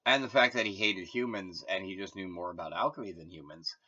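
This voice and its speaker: Low-ish guy rambling on his own, lots of like and uh, bright forceful tone, dull lo-fi audio. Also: fairly quick. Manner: meandering, full of "like" and "uh", casual. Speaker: host. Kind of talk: rambling solo monologue. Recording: dull lo-fi recording.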